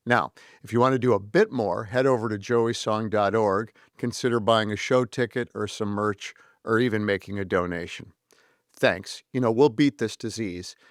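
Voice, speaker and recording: In a lowish voice, a podcast host keeps things casual and conversational during an interview chat, with a few scripted appeals along the way. The studio-quality recording has no room sound.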